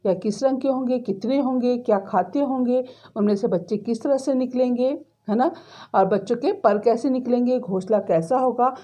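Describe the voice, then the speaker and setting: A woman's voice: mid-range voice, mellow, dull audio. A woman teacher, reading a story to students, then retelling each line in simple words with frequent tag questions. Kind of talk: explaining a story lesson.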